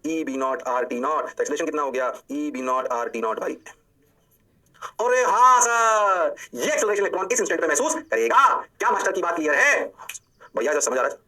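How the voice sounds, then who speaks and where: Fast, bright-voiced physics teacher. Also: male voice, on the high side. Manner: animated, playful catchphrases, rhetorical questions to students. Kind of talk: energetic online lecture.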